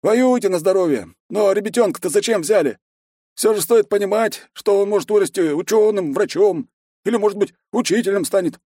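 A man's voice: high-pitched, fairly quick, dark tone, no room sound, clean studio sound, voice pushed up. A man voicing a wary, folksy middle-aged village headman and warrior who talks in a wheedling, cagey way.

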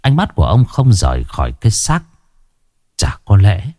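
Male horror storyteller, low mellow voice, lively pitch. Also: moderate pace, no echo, clean studio sound. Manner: dramatic, suspenseful. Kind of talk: scripted horror narration.

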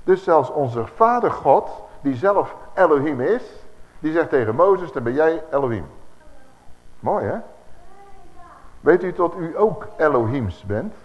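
Preacher, male, lively rising-and-falling delivery, quizzes the crowd; dull lo-fi hall recording. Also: a little high, a little slow. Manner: animated, asks the audience rhetorical questions. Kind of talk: Bible teaching sermon. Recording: echoey hall, dull lo-fi sound, faint hiss.

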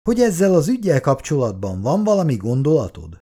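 A man's voice: fairly high pitch, huge pitch swings, dark tone, husky, voice pushed up, full character voice. A man voicing a stern older husband and father who speaks drily and commands. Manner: dry, commanding.

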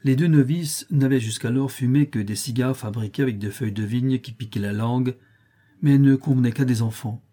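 A man narrating a classic novel as an audiobook in a calm, measured reading. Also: medium pitch. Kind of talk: scripted narration.

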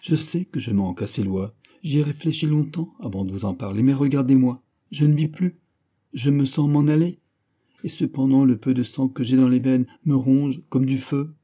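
A man's voice: lowish voice, expressive, fairly quick, few pauses, warm tone, breathy edge. A man reading as Henri, a lovesick young man pleading. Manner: pleading, anguished. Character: young man wasting away from hopeless love.

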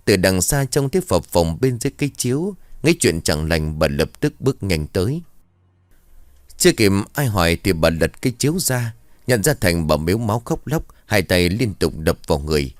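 A man narrating a somber village ghost story in a steady storytelling manner. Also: deep voice, moderate pace, no room sound, clean studio sound.

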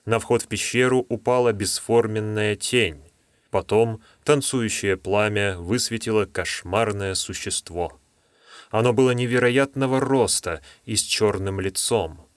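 A man reading a fantasy novel aloud as an audiobook narrator, in a measured storytelling manner. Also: on the low side, dry recording.

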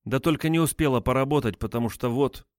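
A man's voice: medium pitch, quick pace, no room sound, clean studio sound, pitched above the performer's own voice, close to an everyday voice. A man putting on a frightened young woman. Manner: hesitant, flustered, pleading.

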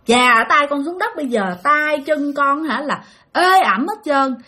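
A woman's voice: high-pitched, expressive, normal speed, bright, forceful tone. A woman with a Southern Vietnamese accent voicing the ghost of a drowned young boy, plaintive and complaining.

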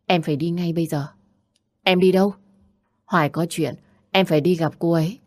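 A woman's voice: on the low side, fairly even intonation, a little fast, no echo, studio quality, natural voice. A woman reading the part of a young wife who speaks in a soothing but firm way in an audiobook. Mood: gentle. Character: calm, loyal young wife.

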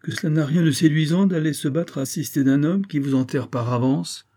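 A man voicing a calm, resolute young nobleman who speaks with steady, lightly ironic firmness. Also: fairly high pitch, fairly quick, pitched above the performer's own voice. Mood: teasing.

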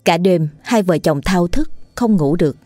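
A woman narrating a ghost story in a steady, suspenseful scripted style. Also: fairly low pitch, moderate pace, dry recording, soft background music.

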